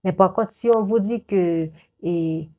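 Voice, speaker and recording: Looking directly into the camera, a young woman video creator gives earnest life advice in a medium-pitched, slightly mellow voice. She speaks slowly, lecturing her viewers and frequently repeating words or starting over.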